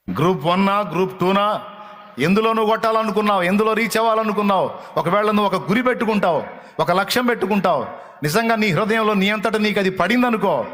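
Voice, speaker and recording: A man's voice: high-pitched, a bit bright, long reverb tail. A man preaching a sermon as a pastor, scolding and driving his points home with hammering repetition.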